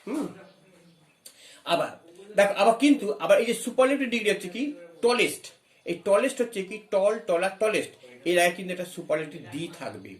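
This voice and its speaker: In a roomy-sounding space, an animated man from West Bengal with a high-sitting voice walks through English grammar step by step. He poses questions, spells out words one letter at a time, and reads English phrases at a slow pace.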